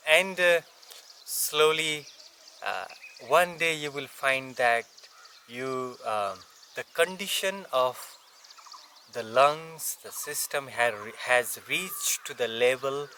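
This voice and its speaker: A man who is a non-native English speaker gives an unscripted yoga lesson as a teacher, halting and searching for words. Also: medium pitch, sharp tone, slight background noise. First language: not English. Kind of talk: unscripted instructional explanation.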